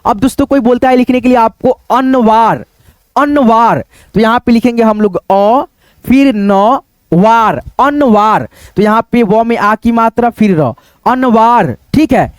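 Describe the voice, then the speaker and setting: A man with a fairly high voice teaches Hindi writing in an online lesson. He dictates words slowly and patiently, spelling them out syllable by syllable and checking in with his students again and again. The sound is dry and close, with no room echo. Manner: keeps checking in with "ठीक है" and "दोस्तों".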